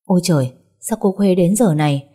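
A woman's voice: fairly low pitch, fairly quick, warm tone, slightly rough. A woman voicing a hesitant middle-aged housekeeper who refuses to open the gate in a story. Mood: evasive. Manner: evasive and apologetic.

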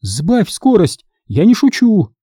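A man's voice: sits high, sing-song, fairly quick, mellow, dry recording, studio quality, voice pushed up. A man voicing an anxious, scolding middle-aged mother in an audiobook, speaking urgently and reproachfully.

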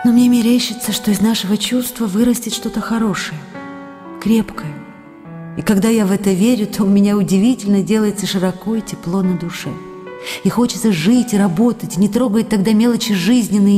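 A woman with a mid-range, dark-toned voice reads tender, longing love letters in a radio drama, playing a young woman. Her delivery is intimate and emotional, only lightly acted. The studio is reverberant, with faint music in the background.

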